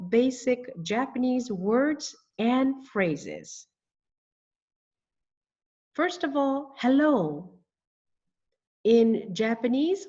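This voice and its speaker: A woman teaching a language lesson, speaking slowly and deliberately and spelling out words syllable by syllable. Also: sits high, warm tone, dull audio. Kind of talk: scripted lesson narration.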